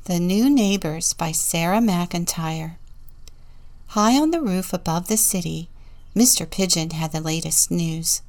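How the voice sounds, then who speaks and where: A woman deacon giving a children's sermon and reading a storybook in a gentle, deliberate way. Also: lowish voice.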